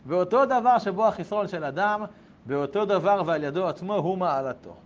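A man teaching a Torah lesson, reading passages aloud and explaining them with loud, emphatic exclamations. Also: high voice, expressive. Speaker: rabbi teaching a class. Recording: dull lo-fi sound with faint background noise.

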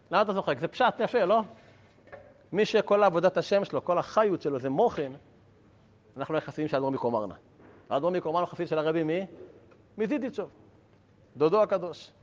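Recorded in dull lo-fi quality, a male Torah teacher speaks animatedly in a slightly raised pitch. His delivery is lively, full of jokes with the audience and rhetorical questions.

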